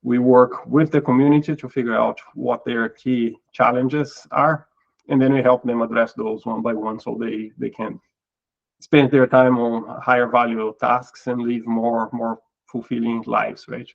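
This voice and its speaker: A man's voice: mid-range voice, little pitch movement, a little slow, creaky, narrow, tinny audio. A middle-aged Brazilian man with a Portuguese accent, a guest in an interview who talks thoughtfully and often repeats words as he restarts a phrase. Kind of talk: casual interview talk.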